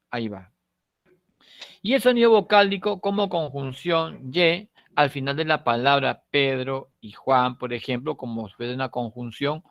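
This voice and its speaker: A man with a Peruvian Spanish accent teaching a recorded online class, explaining step by step, slowing down on key words, trailing off softly at the ends of phrases and checking in with frequent tag questions. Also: medium pitch, no room sound, dull audio.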